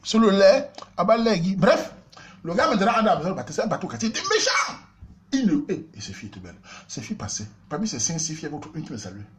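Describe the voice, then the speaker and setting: A man with a Cameroonian French accent tells a comic neighborhood story at a quick clip. His voice sits a little high for a man, jumping from loud bursts to muttered asides. A faint hum runs behind him. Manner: animated, swings between loud outbursts and low asides. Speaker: comedian.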